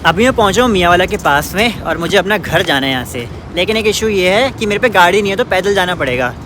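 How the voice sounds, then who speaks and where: A young man from Uttarakhand chats easily while walking outdoors, thinking aloud for his vlog. His voice sits a little high. Faint music runs softly underneath. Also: animated, fast talker. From Uttarakhand, India. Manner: chatty and easygoing, thinking aloud. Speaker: vlogger.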